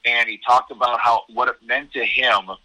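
Guesting on a podcast, this American college hockey commentator delivers earnest, emphatic analysis conversationally, with frequent word repetition. His medium-pitched voice is pushed and bright, level in tone, at a moderate pace, on a low-quality recording.

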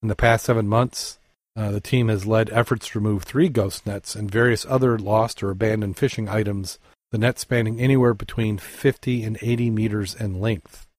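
Low-voiced man reading dive news. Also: steady tone, dry recording, clean studio sound. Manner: halting, with fillers and self-corrections. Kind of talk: casual news reading and chat.

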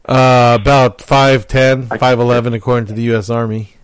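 A man's voice: mid-range voice, little pitch movement, moderate pace, clean tone, dry recording. A middle-aged man hosting a radio show, trading crude jokes in casual banter. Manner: bawdy, joking. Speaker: radio show host and comedian.

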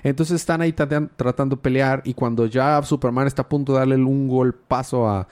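A man's voice: medium pitch, fairly even intonation, a little fast, a little mellow. A man co-hosting a podcast, retelling a comic casually with lots of filler words and chuckles. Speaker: podcast co-host. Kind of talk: casual comic book discussion.

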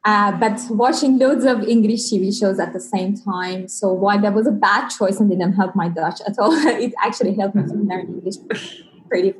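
A woman's voice: mid-range voice, slight background noise, low-quality recording. Iran-born woman, earnest podcast guest. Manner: earnest, slightly halting non-native phrasing with fillers. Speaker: guest, PhD student in biomechanics. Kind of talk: conversational interview answers.

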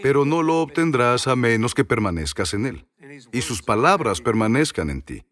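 Male preacher, sermon delivery, very animated intonation, insistent repetition. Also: mid-range voice, moderate pace. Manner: repetitive, emphatic preaching with rhetorical questions.

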